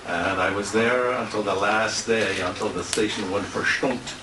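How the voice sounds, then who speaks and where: A retired radio announcer, now an older man, gives an informal, rambling tribute in a restaurant banquet room, speaking haltingly through anecdotes in a fairly low, steady voice. A handheld compact camera picks him up from a distance, so the sound is roomy and noisy.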